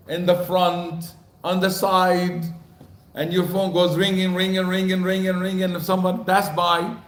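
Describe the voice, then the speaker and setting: An older man speaking to a mosque congregation, animated and quizzing the audience with repeated questions. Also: on the high side. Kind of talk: lecture to a congregation. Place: mosque hall. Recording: echoey hall recording.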